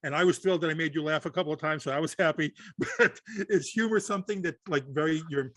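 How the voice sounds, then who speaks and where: A man's voice: on the high side, quick pace, a bit bright, dry recording. A man co-hosting an interview, asking questions in an eager, chatty way. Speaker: co-host. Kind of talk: casual interview chat.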